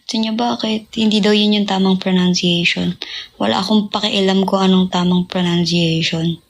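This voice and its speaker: A young woman singer chatting casually with fans on a livestream, drifting between talk, sung snippets and soft whispers. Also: medium pitch, fairly even intonation, moderate pace, slight background noise.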